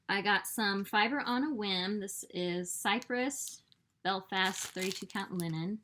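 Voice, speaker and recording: Woman, mid-pitched, easygoing chatter for a stitching show-and-tell vlog, laughs often, loose filler-heavy delivery. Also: a little hiss or hum. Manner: chatty and animated, quick to laugh; fills with "like" and "um". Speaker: cross-stitch designer and vlog host. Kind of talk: casual show-and-tell chat.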